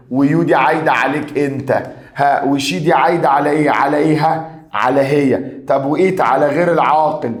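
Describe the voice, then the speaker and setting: A man with an Egyptian accent teaching English grammar, quizzing the student and praising answers. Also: a little high. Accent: Egyptian Arabic. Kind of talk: Egyptian Arabic grammar lesson. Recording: echoey room.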